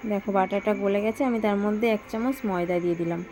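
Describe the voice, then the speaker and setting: A woman's voice: mid-range voice, quick pace, background noise. A woman with a Bengali accent, chatting viewers through a home cooking vlog step by step and cooing at her toddler. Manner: chatty, talks viewers through each step, sing-song baby talk to her toddler. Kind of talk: casual cooking vlog narration.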